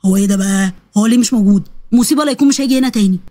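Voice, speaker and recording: A woman's voice: mid-range voice, very fast, dark tone, dry recording, pitched below the performer's own voice, lightly acted. A woman with an Egyptian accent voicing a shy, flustered young man who blurts out the truth. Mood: pleading. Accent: Egyptian Arabic. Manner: pleading, flustered.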